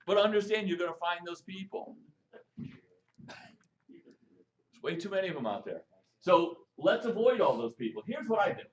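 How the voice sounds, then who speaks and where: A man coaching a live audience on texting for network marketing, lively and jokey, firing questions at the room. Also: high-pitched, normal speed, pauses often, dull audio. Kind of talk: live stream training talk to an audience.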